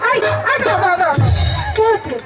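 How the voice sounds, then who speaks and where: Woman playing romantic folk theatre role, very high voice, loud music. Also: very animated, fairly quick, lo-fi sound, a loud crowd. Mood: dramatic. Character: character in a romantic folk stage play. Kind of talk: folk stage drama. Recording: distant stage mic under loud music.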